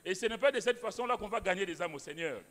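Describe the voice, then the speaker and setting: A man's voice: high voice, lively intonation, fast talker, a bit bright. A male pastor preaching a sermon in a church, emphatic, repeating phrases with many restarts. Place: church hall. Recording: long hall reverb.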